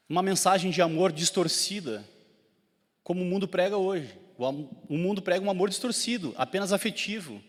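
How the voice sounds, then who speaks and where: A man with a Gaúcho Brazilian accent preaching a sermon as pastor, swelling in intensity and putting questions to the congregation. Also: on the high side. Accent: Gaúcho Brazilian Portuguese. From southern Brazil (Rio Grande do Sul). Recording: long church hall reverb.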